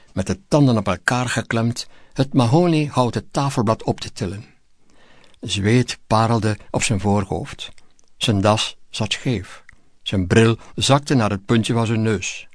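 A man's voice: medium pitch, no room sound. Man reading a story aloud, dry and close. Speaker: audiobook narrator. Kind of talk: scripted narration.

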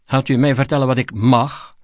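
A raging president from a storybook, barking insults at his staff as a male reader puts him on. The voice sits in an ordinary middle pitch and snarls through clenched teeth. The sound is dry and close, with no room around it. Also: steady tone, normal speed, a little mellow, dry recording, lightly acted. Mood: snapping. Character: furious raging male president, bullying and foul-mouthed.

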